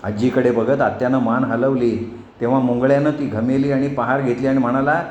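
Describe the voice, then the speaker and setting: A male storyteller reading a novel aloud in a measured, dramatic way, at a mid pitch. The room gives his voice a noticeable echo, with faint noise underneath. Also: fairly even intonation, darkish tone.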